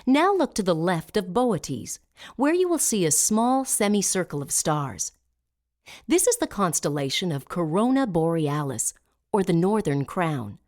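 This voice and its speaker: Casting: female narrator for a smooth museum audio guide, lowish voice, lively intonation, measured storytelling delivery.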